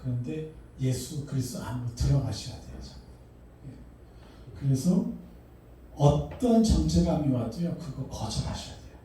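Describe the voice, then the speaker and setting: A middle-aged man preaching a sermon as a pastor, animated, asking his congregation questions and acting out voices. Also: mid-range voice, a little slow, a little hiss or hum. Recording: echoey hall, mic far off.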